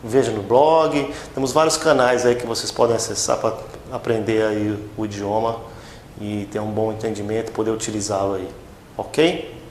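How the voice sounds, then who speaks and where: A man from Brazil teaching English pronunciation, repeating each word slowly and checking in with his students after every few words. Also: flat delivery. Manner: slow, repeats words for drilling, frequent "tá?" and "ok?" checks. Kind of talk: pronunciation lesson. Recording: echoey room with faint rumble.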